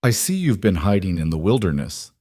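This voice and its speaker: A man's voice: low voice, sing-song, fairly quick, a little mellow, no echo, studio quality. A man voicing a wealthy father around sixty, cold, disdainful and commanding. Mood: scornful. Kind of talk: audiobook character voice.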